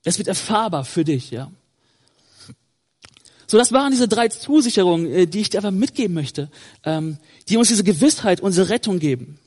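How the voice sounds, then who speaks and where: Man, preacher, sermon, high-pitched, earnest, encouraging, long reverb. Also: lively intonation, moderate pace, darkish tone, breathy edge. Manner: earnest and encouraging, often starts with "hey".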